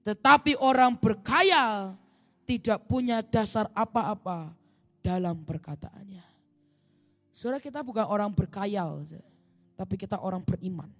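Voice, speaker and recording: A woman's voice: mid-range voice, unhurried, faint music behind. A woman preacher delivering a sermon, telling stories and acting out the dialogue in them. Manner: animated storytelling, acts out dialogue.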